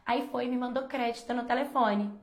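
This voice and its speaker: A woman's voice: a little high, steady tone, brisk, echoey room, faint music behind. A woman telling a personal story in a chatty, confiding way, full of casual fillers.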